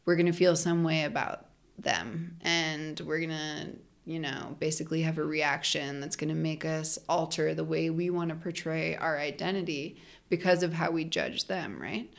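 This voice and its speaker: Her voice sits low with vocal fry, and she moves at a moderate pace. She's a young adult linguist guesting on a podcast, chatting casually, explaining ideas with many "like" fillers, and laughing along the way.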